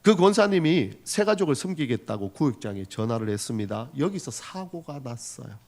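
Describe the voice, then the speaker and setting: A male pastor from the region preaching a sermon, earnest and storytelling, moving from loud exhortation to soft asides. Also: mid-range voice, very animated, moderate pace. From Gyeongsang region, Korea. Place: church sanctuary.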